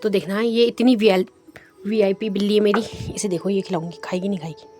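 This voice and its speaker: A woman's voice: mid-range voice, a little fast, dark tone, faint music behind. A young woman chatting casually in a home vlog, teasing and talking straight to her viewers. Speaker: vlogger.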